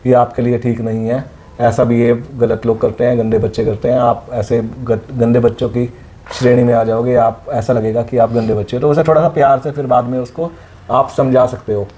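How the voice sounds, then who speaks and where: A man's voice: medium pitch, little pitch movement, fairly quick, mellow. A man co-hosting a vlog, explaining parenting tips earnestly and often checking in with "right?". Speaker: co-host, father. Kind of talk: casual parenting advice chat.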